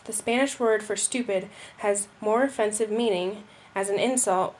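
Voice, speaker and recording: A woman's voice: mid-range voice, darkish tone. Young woman reading a school presentation. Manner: reading, occasional slips and restarts. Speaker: student presenter. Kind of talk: read-aloud school presentation.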